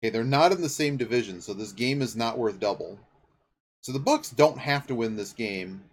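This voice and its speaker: On a sports podcast, a male host with a mid-range voice and lively intonation speaks at a moderate pace. His football commentary is casual and unscripted, wandering as he thinks out loud and double-checks facts partway through sentences.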